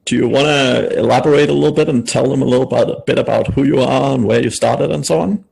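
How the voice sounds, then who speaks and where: A male podcast host with a gravelly, somewhat husky voice. He asks loose, rambling interview questions and drops in dry jokes. His pitch sits in an ordinary middle range. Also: fast, a little mellow, low-quality recording. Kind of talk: casual interview.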